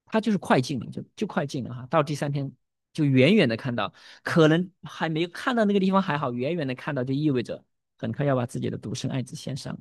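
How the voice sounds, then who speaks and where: A middle-aged male pastor delivers an expository sermon with animated energy, pressing the congregation with rhetorical questions and tossing in the odd English word. His voice sits at an ordinary middle pitch. The recording is dry and close, with no room around it. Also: gravelly, no room sound. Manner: animated, rhetorical questions, tag particles, mixes in English words.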